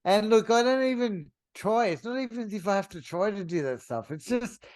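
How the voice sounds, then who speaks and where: A man's voice: high voice, lively intonation, brisk, darkish tone, dry recording. Earnest man, dry sound. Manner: earnest, encouraging. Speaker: podcast guest. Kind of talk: casual chat. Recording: dry close mic.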